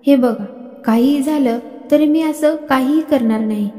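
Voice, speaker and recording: A devoted middle-aged wife who speaks earnestly and pleads, read by a woman. The voice is high and mellow. It rings with a long hall echo. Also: normal speed, lightly acted. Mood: pleading. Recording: echoey reverberant room.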